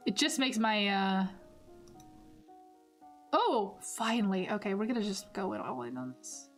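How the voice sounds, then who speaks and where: A woman's voice: mid-range voice, lively intonation, unhurried. A woman streamer playing a text game, reading its narration aloud in a rambling, self-deprecating way. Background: soft background music.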